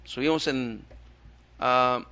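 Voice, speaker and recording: A man's voice: mid-range voice, drawn-out words, bright, forceful tone, clean tone. A male pastor preaching a sermon in a church, telling a story with repeated, emphatic phrases. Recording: dull lo-fi church recording.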